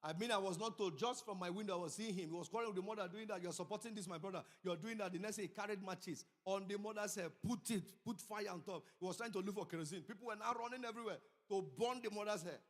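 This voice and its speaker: A middle-aged man preaching a sermon as pastor, telling stories and swinging from low asides to loud emphasis. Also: quick pace, few pauses. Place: church sanctuary. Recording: church hall reverb.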